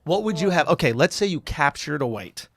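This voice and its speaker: High, lively-voiced joking man. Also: fairly quick, creaky, no room sound, studio quality. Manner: joking, laughs often, crude humor. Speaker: comedian podcast co-host. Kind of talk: loose comedic banter. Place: podcast studio.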